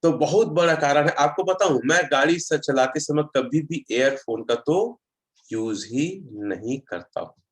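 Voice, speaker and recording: Chatty guy giving a road safety talk online, slightly high voice, tells stories and reads the comments. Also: expressive, a little slow. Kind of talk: casual online session talk.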